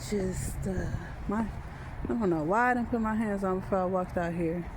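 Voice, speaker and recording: A woman talking candidly and haltingly to her viewers in a casual, rambling walk-and-talk vlog, recorded outdoors while walking. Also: mid-range voice. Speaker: vlogger. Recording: noisy outdoor street with traffic.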